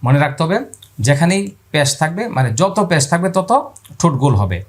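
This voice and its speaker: A man's voice: a little high, expressive, moderate pace. A man teaching Quran pronunciation, repeating letter sounds aloud and asking viewers to watch his mouth. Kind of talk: spoken lesson on letter pronunciation.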